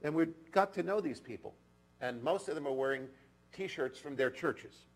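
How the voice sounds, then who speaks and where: Husky, gravelly man preaching earnestly. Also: fairly high pitch, lively intonation, moderate pace, rough recording. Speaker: clergy. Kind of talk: sermon. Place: synagogue sanctuary.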